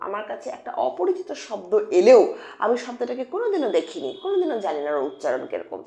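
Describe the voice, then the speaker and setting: A woman with a Bengali accent teaches phonics to children. She speaks with a slightly gravelly edge in an echoey room, patiently repeating each point and asking her pupils questions. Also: on the high side, a little mellow. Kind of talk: explanatory lesson for children.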